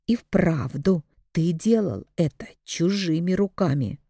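A woman voicing an angry, betrayed young woman who accuses and shouts. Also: lowish voice, animated, a little slow, creaky, no room sound, clean studio sound, heavily acted. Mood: furious.

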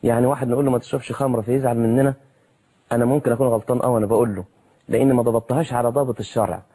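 Fast-talking husky Egyptian preacher. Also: male voice, mid-range voice, fairly even intonation, dark tone. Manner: colloquial, full of rhetorical questions. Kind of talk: televised sermon.

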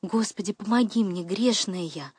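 A woman's voice: lowish voice, lively intonation, moderate pace, breathy edge, no echo. A woman voicing a thin, frightened young woman who pleads breathlessly, in a dry, close recording.

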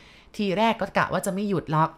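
A woman narrating a ghost story in a lively, conversational way, with chatty asides. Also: lowish voice, fast talker.

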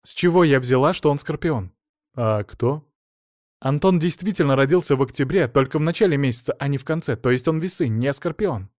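A man's voice: on the high side, fairly quick, dry recording, clean studio sound, close to an everyday voice. A man reading an audiobook, voicing a flustered, anxious woman who talks in a rush. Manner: excited and flustered. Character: anxious flustered woman talking fast on the phone.

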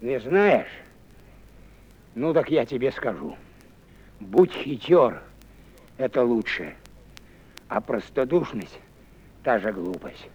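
An actor playing a stern, irritable old grandfather in a radio drama, scolding and drilling a boy on the alphabet with gruff name-calling. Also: extremely high pitch, expressive, takes it slowly, a bit bright, muffled recording, exaggerated voice. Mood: brooding low. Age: older. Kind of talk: 1950s-60s radio drama acting.

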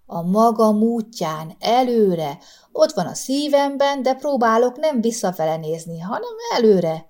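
A woman's voice: medium pitch, animated, pitched above the performer's own voice, natural voice. A woman voicing a cheerful, talkative old widow in a spoken storybook. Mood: serene. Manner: talkative, brisk.

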